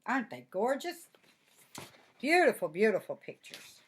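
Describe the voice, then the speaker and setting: A woman's voice: fairly high pitch, a little slow, husky. An older woman with a grandmotherly manner, reading a picture book aloud to children and adding chatty, admiring asides. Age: 60s or older. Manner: grandmotherly, expressive, repeats admiring words. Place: office.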